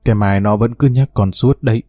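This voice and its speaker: A man reading a storybook and voicing an elderly father in a fatherly, steady way. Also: fairly low pitch, brisk, dry recording, studio quality, soft background music, close to an everyday voice. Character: elderly village father, wise.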